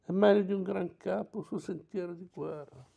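Earnest young tribesman talking simple, a man doing the voice, husky and gravelly. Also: sits high, normal speed, mellow, lo-fi sound, heavily acted. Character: young man raised by a native tribe, plain-spoken.

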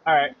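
A man streaming a survival game, chatting casually and breaking into excited exclamations and humming. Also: phone-quality sound. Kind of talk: casual gameplay commentary.

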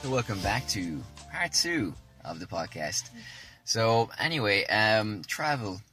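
A man's voice: on the low side, very animated, unhurried, pushed and bright, soft background music. A man co-hosting a podcast in casual, jokey chat, rambling with many fillers and restarts. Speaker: podcast co-host.

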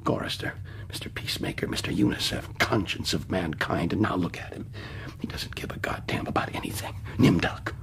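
Paranoid tormented survivor, radio play, creaky, wildly swinging pitch, bitter and volatile. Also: male voice, lively intonation, fairly quick, in a whisper. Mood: scathing. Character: Ted, paranoid, tormented male survivor who narrates. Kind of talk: radio drama acting.

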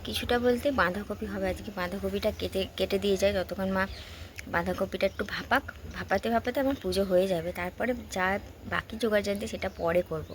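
A woman with a West Bengal accent talks to her viewers in a casual, chatty home-vlog style. Her voice sits at a medium pitch, and she often puts questions to the audience. There is faint household noise behind her. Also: fast talker. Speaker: home vlogger. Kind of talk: casual chat to viewers while doing household chores. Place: at home, mostly in the kitchen.

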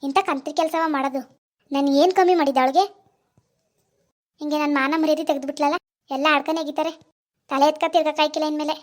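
A woman's voice: high-pitched, fairly even intonation, quick pace, pauses often, close to an everyday voice. A woman voicing an angry village husband in a cartoon, harsh and bitter about his missing sister-in-law. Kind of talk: cartoon voice acting.

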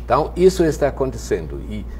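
A man's voice: mid-range voice, huge pitch swings, fast talker, darkish tone, a little hiss or hum. A man in his sixties from Germany, a native German speaker with a German accent, making blunt, emphatic points as a professor on a panel. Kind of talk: opinionated panel discussion. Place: TV studio panel desk. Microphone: lapel.

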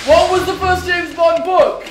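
A man's voice: extremely high pitch, steady tone, measured pace, noisy background. A giggly young man hosting a challenge video, reading out quiz questions and bantering in a small bathroom. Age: young adult. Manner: giggly, often breaking into laughter. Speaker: host and quizmaster. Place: small tiled bathroom, indoors. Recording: echoey bathroom, music behind.

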